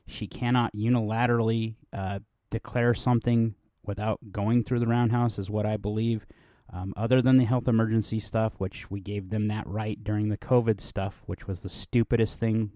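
A man's voice: lowish voice, mellow, no echo. Man, middle-aged, from New Mexico, podcast host, rambling casual monologue, dry close sound. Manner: rambling, conversational, with many fillers and restarts.

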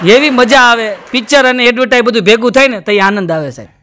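A man's voice: very high-pitched, fast talker, background noise. A man with a Gujarati accent telling jokes on stage in a chatty way, often turning to the audience as "sir". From Gujarat, India. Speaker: stand-up comedian. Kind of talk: stand-up joke telling.

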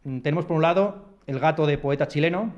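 A man's voice: fairly high pitch, fast talker, a little mellow, lo-fi sound. Wry Madrid man reading a lecture. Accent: Madrid Spanish. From Madrid, Spain. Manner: wry, self-deprecating asides. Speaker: philosopher giving a lecture. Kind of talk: read-aloud lecture. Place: lecture hall at a university residence.

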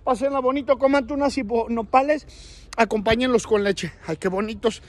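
A man with a Mexican accent, a costumed entertainer shouting jokes and birthday greetings on a neighborhood street. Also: moderate pace. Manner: shrill, shouting, joking in street slang. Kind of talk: street prank-style greeting vlog.

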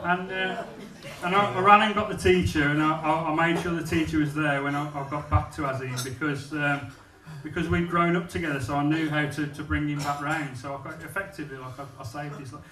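An English man tells a blunt, self-deprecating stand-up story into a handheld mic on a comedy club stage, in a small venue with a live audience. His voice is a little high, his intonation fairly even, and he talks fairly quickly with hardly any pauses. The mic is far and off-axis, so the echoey room, crowd noise and audience laughter all come through.

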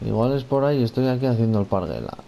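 Gravelly man from commenting a game. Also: medium pitch, expressive, fast, dark tone, a little hiss or hum. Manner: talks to himself and the character, repeats phrases, swears at enemies. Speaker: gamer playing a video game. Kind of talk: casual let's-play commentary.

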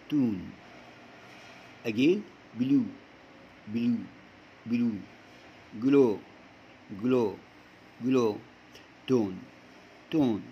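A man with an Egyptian Arabic accent teaching English to young pupils, repeating words slowly for them to copy. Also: mid-range voice, a little mellow, highs cut off, a little hiss or hum. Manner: slow drilling repetition, stretching words. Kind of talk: recorded classroom lesson for young pupils.

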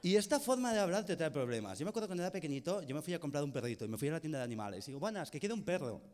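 A man doing stand-up comedy with an exaggerated speech impediment, mangling his R and S sounds, and joking at his own expense with quick asides and tag questions. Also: on the high side, sing-song, darkish tone, long reverb tail. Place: stage in a comedy venue with audience.

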